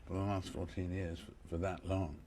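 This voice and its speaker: A man's voice: low-pitched, level tone, moderate pace, warm tone, husky. A male interviewer who introduces his guest and asks long questions, often repeating words as he frames them. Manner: hesitant, repeats words while framing questions. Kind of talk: broadcast interview.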